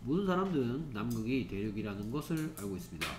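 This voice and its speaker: A male English teacher talks through a lesson in a classroom, and his voice sits at a middle pitch. He reads English sentences slowly and keeps checking whether the students follow. The room echoes, with a faint hum of noise behind him. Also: big pitch swings. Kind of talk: classroom lecture.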